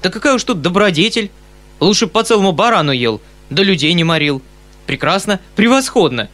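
A man voicing an excitable, kindly middle-aged colonel who exclaims loudly and fusses eagerly, in an audiobook reading. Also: sits high, a little fast, voice pushed up. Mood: excited. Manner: loud exclamations, eager and fussy.

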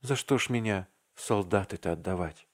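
A man's voice: sits low, a little fast. A man reading aloud and voicing a meek young clerk, delirious and heartbroken, who pleads in an anguished, half-whispered voice. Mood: pleading.

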